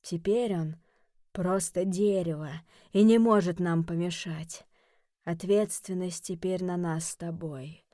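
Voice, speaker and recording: Lady reader playing a slow, grave male goat-ish creature, storybook style, dry recording. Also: lowish voice, fairly even intonation, warm tone, no room sound, natural voice. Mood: solemn.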